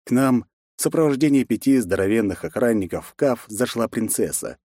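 A man reading a first-person novel aloud, harsh and forceful in the hero's lines. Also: mid-range voice, expressive, a little fast, dry recording, studio quality. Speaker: audiobook narrator.

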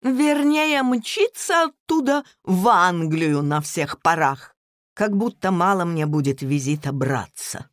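Woman voicing a gloomy complaining husband, slow, dry close sound, storybook. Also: on the low side, expressive, no echo. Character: grumbling middle-aged husband, turning forty.

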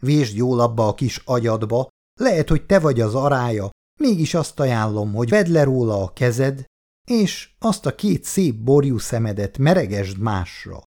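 A woman's voice: rumbling low, expressive, dark tone. A man reading aloud and voicing a bold young woman who insists and mocks her rival. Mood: brazen insistent. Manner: insistent, mocking, brazen.

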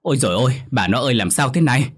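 A man voicing an elderly father who cries out loudly in panic and grief. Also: mid-range voice, animated, very fast, husky, voice pushed up. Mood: alarmed. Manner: loud crying out. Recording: faint music underneath.

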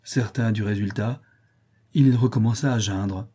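Reading a classic novel aloud as scripted audiobook narration, a man keeps a measured storytelling manner. His voice is on the low side, mellow, with a breathy edge.

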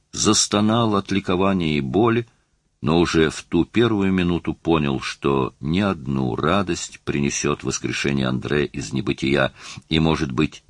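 A man's voice: deep voice, no room sound, clean studio sound. A man narrating an audiobook in a dramatic, emotionally charged reading style.

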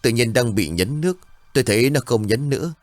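A man voicing a terrified young fisherman who whimpers and talks in a high, frantic rush. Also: brisk, no room sound, faint music behind, natural voice. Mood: frightened whimpering.

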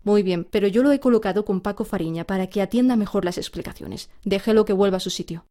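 A woman's voice: mid-range voice, fast, dark tone, lightly acted. A woman reading aloud voices a stern male schoolteacher who scolds in clipped, severe lines.

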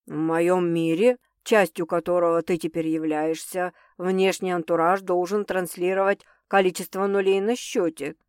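Woman reading as a calm, condescending man. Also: clear, resonant tone, no room sound, clean studio sound, lightly acted. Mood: measured. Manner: calm, measured, condescending, slightly lower. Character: calm, confident, wealthy grown man.

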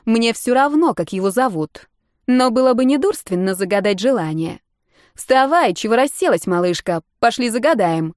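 A woman reading the part of a loud young blonde with a snide, teasing voice. She speaks high and brashly in a storybook reading. The recording is dry and close. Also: animated, moderate pace, no room sound, natural voice. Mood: playful.

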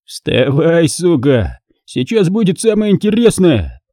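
Narrator putting on a gloating brutal maniac, menacing, loud. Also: male voice, on the high side, sing-song, a little slow, no echo, studio quality, voice pushed up. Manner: snarling, threatening, gloating. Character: brutal vicious male maniac killer.

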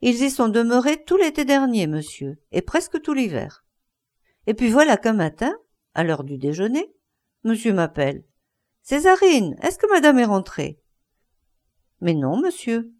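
A woman voicing an old, pious and stern female housemaid in a storybook reading, curt at first, then telling her master's story in a lowered voice. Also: sing-song, a little slow, long pauses, darkish tone. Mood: confiding. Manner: dry, curt, then confiding.

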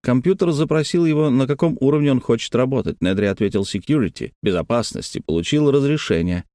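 A man narrating a novel as an audiobook, reading in a steady, even way. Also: mid-range voice, fast, dry recording, clean studio sound. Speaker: audiobook reader. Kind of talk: scripted narration.

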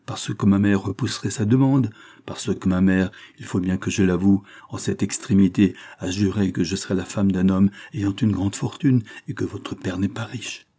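A man's voice: low voice, fairly even intonation, normal speed, warm tone. A man reading an audiobook, voicing an anguished but resolute young noblewoman with a raised, pleading voice. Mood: fearful. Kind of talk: audiobook reading of a classic novel.

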